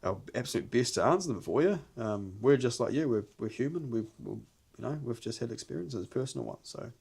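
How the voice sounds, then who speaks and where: A man's voice: medium pitch, animated, brisk, vocal fry, darkish tone, husky. A man with a broad New Zealand accent chatting casually and earnestly on a podcast, rambling a little and using plenty of slang. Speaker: podcast host.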